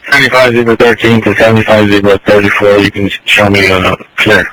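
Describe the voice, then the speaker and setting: A man's voice: lowish voice, flat delivery, fairly quick, sharp tone, low-quality recording. A man, a police officer, heard over a police radio, calling in to dispatch in terse procedural bursts broken by fillers.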